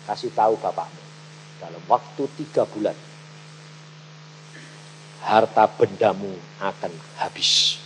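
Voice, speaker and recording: A man voicing God in a sermon story, speaking in a firm, low, measured tone of warning. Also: a bit bright, a little hiss or hum, poor audio. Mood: stern. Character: God speaking sternly to a believer, male.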